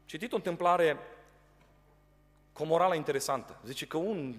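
High-voiced Romanian preacher in a hall. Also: male voice. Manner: lively, animated storytelling with voiced quotes. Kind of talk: sermon. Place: church prayer house. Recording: long hall reverb.

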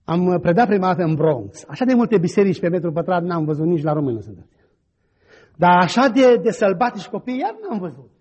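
A middle-aged man preaching a sermon with personal stories, animated, moving from quiet asides to loud exclamations. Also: high voice. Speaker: pastor. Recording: dull lo-fi recording.

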